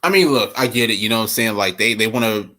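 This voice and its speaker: A man in his twenties co-hosts a podcast, chatting casually and rambling about basketball while laughing often. His voice is on the low side yet bright and forceful, and he talks fast.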